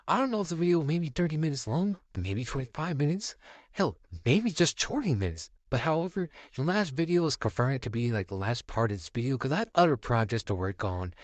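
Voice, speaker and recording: A young man narrates his fan story casually and offhand, his pitch bouncing lively as he rambles. The sound is dry and close. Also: dry recording. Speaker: YouTube storyteller.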